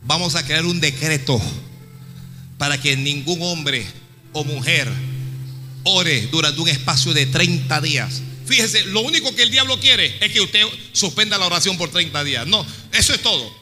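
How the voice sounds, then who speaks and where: A male preacher delivers a dramatic sermon in a bright, slightly high voice. His words echo with a long hall reverb. Quiet music plays behind him. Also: expressive, normal speed. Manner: dramatic storytelling preaching with swings between hushed and shouted.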